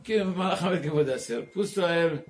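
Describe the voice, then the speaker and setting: A male rabbi giving a Torah class, talking in a halting way, searching for words and dropping in Hebrew terms. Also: fairly high pitch. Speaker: rabbi teaching Talmud.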